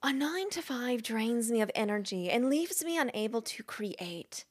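Hushed solemn author impression by a woman, slow breathy delivery, somewhat high. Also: expressive. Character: woman impersonating a self-help author, solemn reading.

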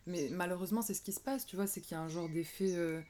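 Thoughtful interviewer woman, lowish voice. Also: quick pace, mellow, a little hiss or hum. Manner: thoughtful, hesitant with many fillers. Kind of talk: casual interview conversation.

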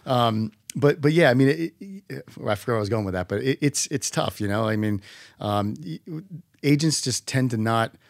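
A man hosting a casual podcast interview, chatty and quick to agree with his guest. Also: medium pitch, vocal fry, dry recording, clean studio sound. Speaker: podcast host.

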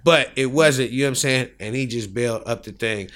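A man's voice: mid-range voice, a little fast, fairly bright tone. A man, a rapper guest on a podcast, telling a story in a loose, laid-back way with lots of fillers. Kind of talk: casual storytelling chat.

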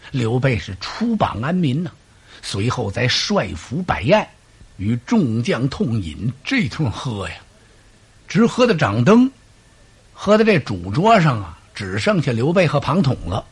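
A man performing a traditional story with animated, dramatic narration and vivid sound effects. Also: medium pitch, a little slow, husky.

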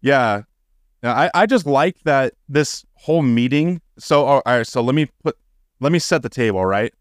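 Male podcast co-host, mid-pitch, dry close mic, profane and ranting when worked up. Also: lively intonation, moderate pace, no room sound. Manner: profane, ranting, gets loud and high when exasperated. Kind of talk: casual podcast chat.

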